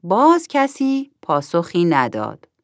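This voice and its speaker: A woman reads a children's story aloud, her voice sitting on the lower side and moving through a lively, animated melody. The sound is dry and close to the mic. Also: no room sound.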